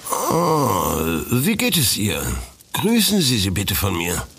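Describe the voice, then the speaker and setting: An actor playing a reclusive old retired lieutenant, curt and commanding at first, then fatherly, with a gravelly, husky voice in a radio play. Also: medium pitch, huge pitch swings, takes it slowly, a bit bright, full character voice. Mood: startled. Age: older. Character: reclusive old ex-lieutenant, gruff, guarded man.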